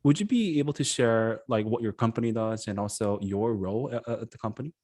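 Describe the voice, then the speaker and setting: A man's voice: fairly low pitch, a little fast, a little mellow. A man hosting an interview, asking friendly questions padded with fillers. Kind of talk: casual interview.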